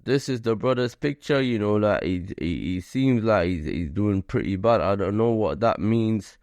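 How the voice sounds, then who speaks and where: A man's voice: fairly low pitch, normal speed, darkish tone, no echo. A man hosting a casual combat sports commentary vlog, talking in a loose, slangy way full of "like" and "you know".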